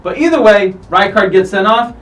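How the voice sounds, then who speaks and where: Brief: male host, high-pitched and animated, off-mic slightly, music bed behind, casual soccer commentary. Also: normal speed, distant mic, rough recording. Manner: animated, profane, acts out players' lines. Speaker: host of a soccer countdown show. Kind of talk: casual commentary over match footage.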